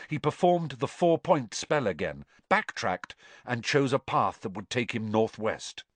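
A man's voice: mid-range voice, no echo. A man reading a story aloud as narrator, with dramatic, tense storytelling. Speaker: audiobook narrator. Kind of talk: scripted narration.

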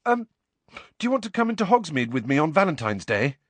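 A man's voice: fairly high pitch, very animated, fairly quick, no echo, pitched above the performer's own voice. A man voicing a nervous, earnest teenage boy who speaks tersely and hesitantly.

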